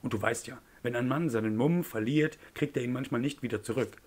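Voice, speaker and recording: A man's voice: mid-range voice, fairly quick, a little mellow, natural voice. A man as a matter-of-fact island man. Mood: earnest. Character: island man recounting events, plain and steady.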